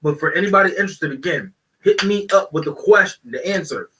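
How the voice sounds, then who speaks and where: Loud, profane, bright-voiced male host. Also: sits high, animated, brisk, distant mic, poor audio. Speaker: talk show host. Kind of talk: casual chat.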